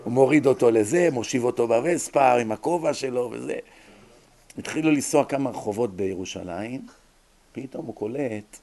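A man giving a religious ethics lecture. He tells stories vividly and acts out the voices of the people in them. He moves between loud emphasis and quiet asides. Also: mid-range voice, gravelly. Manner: animated storytelling, acting out quoted voices. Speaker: Torah lecturer.

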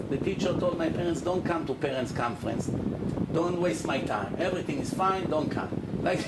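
A male rabbi teaches a Torah class in a lively, questioning way, playing out the people he quotes. His voice sits high for a man. He sounds distant from the microphone in an echoing room, with a loud air-conditioning drone underneath. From Israel. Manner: animated, acts out quoted people, asks rhetorical questions. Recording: roomy, far off, loud air conditioning hum.

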